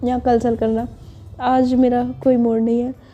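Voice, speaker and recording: A woman voicing a stubborn, teasing young woman who flatly refuses her partner, read in a storytelling voice. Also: fairly high pitch, measured pace, muffled recording, slight background noise, close to an everyday voice. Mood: sleepy. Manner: flat refusals, playful threats. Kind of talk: storytelling in character voice.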